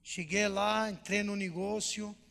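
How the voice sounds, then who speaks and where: A male pastor telling his testimony to a church, animated storytelling with acted dialogue. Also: high-pitched, a little slow, vocal fry. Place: church hall. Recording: long reverb of church hall.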